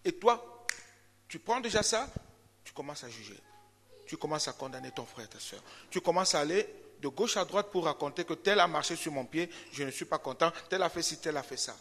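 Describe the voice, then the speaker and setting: A man's voice: fairly high pitch, lively intonation, fairly quick, fairly bright tone. A male pastor preaching a sermon, repeating his points emphatically and using caricatured animal stories. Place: church. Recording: reverberant church hall.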